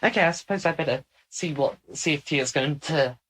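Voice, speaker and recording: Teasing, husky-voiced woman moderator. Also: deep voice, fairly bright tone, poor audio. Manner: teasing, brisk, joking. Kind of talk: channeling session, casual chat.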